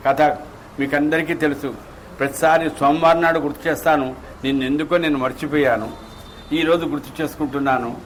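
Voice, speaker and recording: A man's voice: fairly high pitch, slight background noise, low-quality recording. A man giving a devotional discourse to a gathering, telling stories with acted-out dialogue and rhetorical questions. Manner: animated storytelling, acting out dialogue with rhetorical questions. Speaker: spiritual speaker. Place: devotional hall.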